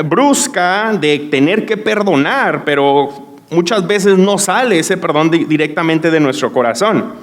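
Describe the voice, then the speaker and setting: A man preaching a sermon as pastor, earnest and emphatic, often checking in with his listeners. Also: sits high. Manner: emphatic, repeats key phrases.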